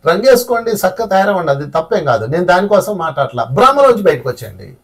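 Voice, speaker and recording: A man's voice: high-pitched, very animated, fast talker, a bit bright, breathy edge, far from the mic. A man teaching a spiritual class, telling stories in a conversational way and asking his listeners rhetorical questions.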